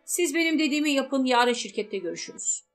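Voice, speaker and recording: A woman's voice: high voice, sing-song, fairly quick, soft background music, voice pushed up. Woman reading a curt, commanding husband. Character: commanding husband, adult man, cool and possessive.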